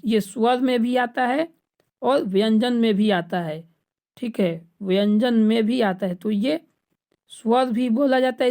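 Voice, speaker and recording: A woman's voice: a little high, darkish tone. A woman teacher giving an exam-prep lecture, explaining step by step and repeating key terms back to the class as questions. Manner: patient, stepwise explaining with frequent checks.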